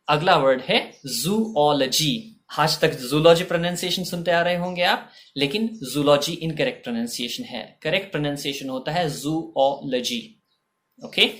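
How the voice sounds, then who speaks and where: A man with an Indian accent teaching vocabulary, slowly drawing out each word and repeating it, with "ok" between points. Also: a little high, a bit bright. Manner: slow, drawn-out spelling of each word. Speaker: language teacher. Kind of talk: bilingual vocabulary lesson.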